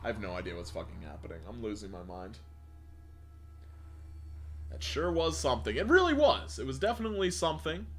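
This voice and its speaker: A man reads creepy stories aloud on a live stream in a relaxed, profane way, stopping to chat with viewers. His pitch moves a lot and sounds animated. Quiet music plays faintly behind him. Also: a little fast, long pauses. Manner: casual and profane, laughs and reacts between lines.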